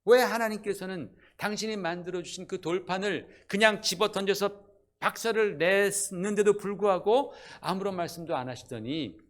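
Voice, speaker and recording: A male pastor preaching in a church with a somewhat high voice. His delivery is animated, and he keeps turning to the congregation with questions. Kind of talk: sermon. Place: church sanctuary.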